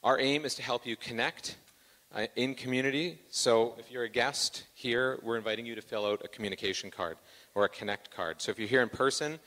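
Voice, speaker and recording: In a large hall, a man with a medium-pitched, slightly bright voice hosts church announcements in the sanctuary. He jokes at his own expense and fills his speech with plenty of fillers.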